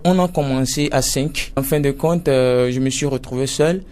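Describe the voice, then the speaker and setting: A man answers radio questions as an association president. His voice is medium-pitched, and he speaks in a measured, plain way with fillers. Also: a little mellow. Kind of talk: radio interview.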